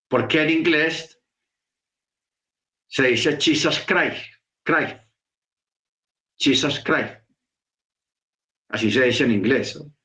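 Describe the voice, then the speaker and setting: A man gives a sermon-style lesson at an unhurried pace. He explains patiently and repeats his key points for emphasis, with a mid-range voice. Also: medium pitch, a bit bright, reverberant. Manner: slow, repetitive, emphatic explaining. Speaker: teacher of a messianic congregation. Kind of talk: sermon teaching.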